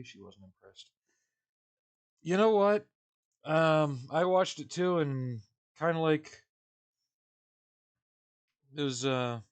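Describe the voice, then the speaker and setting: A man live streaming from home while building a model kit, chatting casually with viewers in a rambling, relaxed way with fillers and chuckles. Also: mid-range voice, clean tone.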